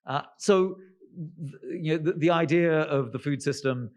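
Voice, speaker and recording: A male author answering interview questions in a posh-sounding voice, halting with lots of fillers and restarts, with wry, sardonic asides. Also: on the high side. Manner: self-described posh-sounding voice.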